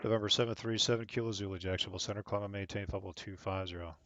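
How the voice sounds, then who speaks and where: A man streams as an air traffic controller on a flight simulation network, moving between radio phraseology and casual commentary that explains what he's doing. His voice sits fairly low with a steady tone, and he speaks in rapid-fire bursts. The recording sounds muffled.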